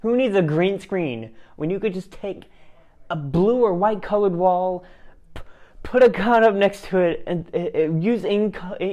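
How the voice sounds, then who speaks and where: This vlog host speaks in a fairly high, slightly mellow voice. He reacts in a chatty, casual way, rambling on, poking fun at himself, and often laughing or starting over.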